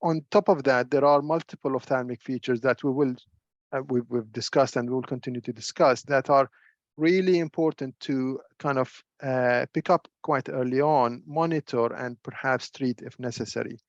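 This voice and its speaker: A middle-aged man giving a webinar lecture as a neuro-ophthalmologist, measured and full of fillers and repeated words. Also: mid-range voice, no room sound, muffled recording. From Syria. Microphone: video call.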